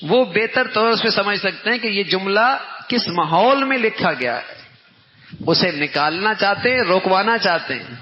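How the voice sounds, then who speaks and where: Emphatic preacher in a reverberant hall. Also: male voice, lively intonation. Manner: emphatic, swings pitch widely, repeats phrases for stress. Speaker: religious teacher. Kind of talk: Ramadan sermon lecture. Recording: dull lo-fi sound with long hall reverb.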